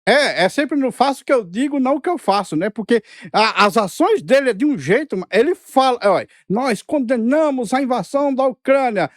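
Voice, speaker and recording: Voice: mid-range voice, very animated, a little fast, few pauses, dry recording, clean studio sound. A co-host making sarcastic, mocking asides in political commentary.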